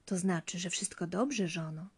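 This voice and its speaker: A woman's voice: normal speed, breathy edge. A woman doing a cold, menacing husband. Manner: cold, low and threatening.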